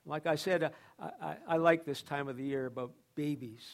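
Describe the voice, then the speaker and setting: Emphatic male preacher, fairly high voice. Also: steady tone, brisk, gravelly. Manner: emphatic, rising and falling, repeats phrases. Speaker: pastor. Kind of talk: sermon.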